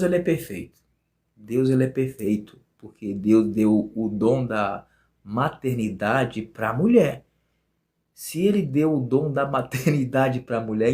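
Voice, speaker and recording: A man with a Bahian accent tells a personal story in an earnest, heartfelt way. He leans on repetition for emphasis and speaks at a medium pitch. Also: a little mellow. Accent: Bahian Portuguese. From Bahia, Brazil. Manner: earnest, repeats phrases for emphasis. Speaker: guest sharing a personal testimony.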